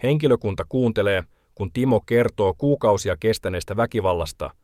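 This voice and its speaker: A man narrating a news feature as a reporter, reading a script in a calm, measured way. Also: fairly low pitch, dry recording, studio quality.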